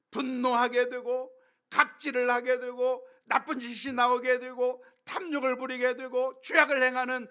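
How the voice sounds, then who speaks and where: Male pastor, sermon delivery: high, bright voice, hushed asides building to passionate rhetorical questions. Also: smooth. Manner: swings from soft hushed passages to loud impassioned exhortation.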